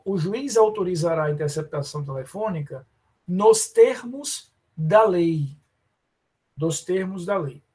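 A man with a Brazilian accent teaching a live online law class, often calling students by name and slowing down to stress terms. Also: sits high, slightly rough. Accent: Brazilian Portuguese. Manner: addresses students by name, many fillers and restarts. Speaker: law professor.

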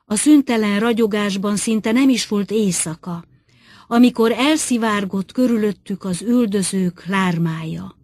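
A woman narrating a literary short story as an audiobook reader, measured and expressive. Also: medium pitch, dry recording.

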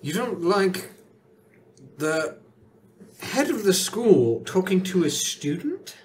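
A man's voice: high-pitched, big pitch swings, slow, a little hiss or hum. A man playing a tabletop game, chatting lightly about his character. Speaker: player. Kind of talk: casual tabletop role-play.

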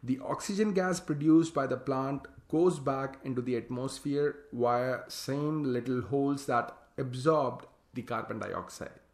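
A hydroponics farm consultant gives a slide lecture on farming, reading each slide aloud before explaining it in plain words. His medium-pitched voice is a little slow with few pauses, and the sound is roomy.

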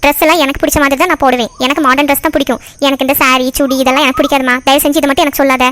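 A woman's voice: high-pitched, steady tone, very fast, fairly bright tone. Woman voicing a headstrong 21-year-old daughter. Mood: stubborn. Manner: headstrong, sulky.

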